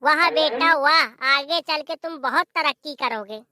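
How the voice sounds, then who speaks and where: A voice artist puts on a stingy old village father from a comedy cartoon. He talks gruffly and bosses everyone around in a very high, bright voice. The recording is dry and close. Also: normal speed, dry recording. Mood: amused.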